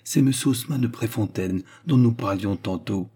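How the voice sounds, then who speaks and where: A man voicing a troubled young woman who speaks in a faltering, hesitant way, in a dark, husky voice. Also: mid-range voice, normal speed, lightly acted. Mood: flustered. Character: shaken, timid young woman.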